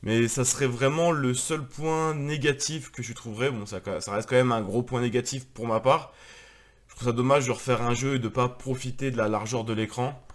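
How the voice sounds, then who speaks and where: A man's voice: medium pitch, steady tone, moderate pace. A man, married with a daughter, chatting casually and rambling with many fillers as he presents his video game collection. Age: adult, married with a daughter.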